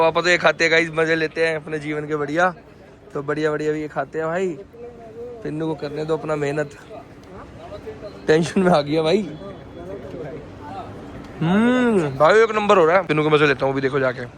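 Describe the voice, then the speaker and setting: A man's voice: fairly high pitch, fairly even intonation, normal speed, long pauses, fairly bright tone. A man vlogging in casual chat outdoors, teasing and joking with his companion.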